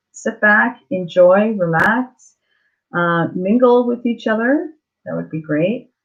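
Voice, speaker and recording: A woman hosting a casual live chat, greeting viewers haltingly and apologetically, her mouth swollen and slightly thick-sounding after dental surgery. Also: medium pitch. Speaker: livestream host. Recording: dull lo-fi livestream audio.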